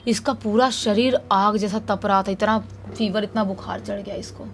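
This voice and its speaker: A woman casually retelling a true horror story in an animated, conversational way. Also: mid-range voice, moderate pace, slight background noise.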